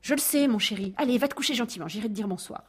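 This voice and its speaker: Lady doing a brisk mom brushing off her kid, a bit breathy. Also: fairly high pitch. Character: busy, brisk mother of a small boy. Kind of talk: storybook reading.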